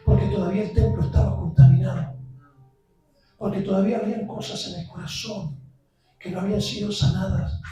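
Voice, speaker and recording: A visiting preacher, a man, giving an impassioned sermon that builds to shouts. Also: high voice, distant mic. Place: church sanctuary. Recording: very echoey church, heard from afar.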